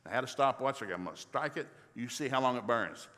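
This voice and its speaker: A middle-aged man of medium pitch delivers a humorous, homespun sermon, acting out every exchange with animated voices. His words ring out through the long reverb of a large church hall. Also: quick pace, slight background noise. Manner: folksy, animated, acts out dialogue. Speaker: preacher. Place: church sanctuary.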